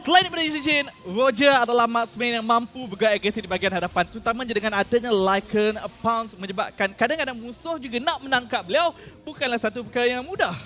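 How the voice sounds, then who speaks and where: A man's voice: very high-pitched, fast talker, few pauses, sharp tone. A Malaysian man giving articulate strategic commentary on a live esports match, phrased fairly formally with rhetorical questions. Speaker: esports analyst caster.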